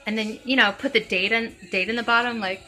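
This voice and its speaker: A woman's voice: a little high, fairly even intonation, fairly quick, sharp tone, soft background music. A woman rambling through a comedic tutorial, acting out mock-dramatic examples. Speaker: comic character giving a tutorial. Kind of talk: improvised comedic monologue.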